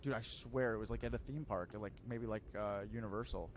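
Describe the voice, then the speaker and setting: A man's voice: on the low side, fairly quick, crowd noise. A man in his thirties hosting a podcast, chatting loosely and filling his talk with "like" and "dude". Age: 30s. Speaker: podcast host. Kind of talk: casual chat.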